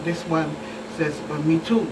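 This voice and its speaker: A police commander with a Virgin Islands Caribbean accent appears as a guest expert in a talk show interview, speaking emphatically and repeating phrases as she recounts cases. Her voice sits low, steady, and unhurried, picked up by a distant mic amid noisy room hum.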